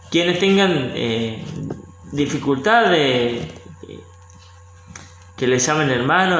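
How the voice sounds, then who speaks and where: Slow-talking priest, echoey room. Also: male voice, medium pitch, a bit bright. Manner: unhurried, pauses to look up verses. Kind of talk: informal teaching talk.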